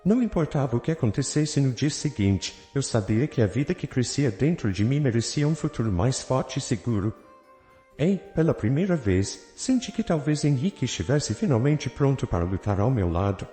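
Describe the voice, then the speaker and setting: Narrador masculino de história, voz suave e grave, lê com entonação bem variada em sala com eco e violão ao fundo. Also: male voice, medium pitch, sing-song, normal speed. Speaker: storyteller. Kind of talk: scripted first-person narration. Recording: roomy reverb with soft guitar music. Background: soft guitar music.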